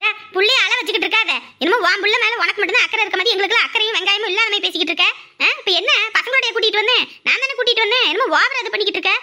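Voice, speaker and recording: A woman playing a quick, scolding grandmother. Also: very high-pitched, sharp tone, full character voice. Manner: quick, scolding, bickering talk. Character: scolding, protective village grandmother. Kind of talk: family drama acting.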